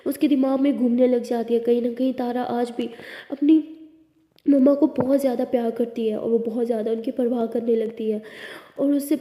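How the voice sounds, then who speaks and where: A woman narrating a romance story in a relaxed, chatty retelling. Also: fairly high pitch, moderate pace. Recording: echoey room with long reverb.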